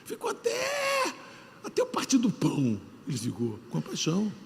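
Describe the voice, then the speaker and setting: A man with a Brazilian Portuguese accent, a pastor preaching a sermon in a church hall, repeating phrases for emphasis and swinging between loud and hushed delivery. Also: a little high, huge pitch swings, a little fast, creaky, a little hiss or hum. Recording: long hall reverb.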